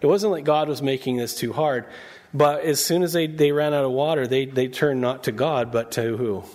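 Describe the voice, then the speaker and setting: A man's voice: medium pitch, normal speed, darkish tone. Male preacher, conversational sermon, questions to the congregation, church.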